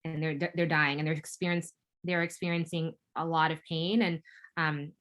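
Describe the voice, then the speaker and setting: A woman's voice: sits low, level tone, normal speed, a bit bright. A woman giving a webinar talk as guest speaker, casual with many fillers and restarts. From United States. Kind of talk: webinar presentation.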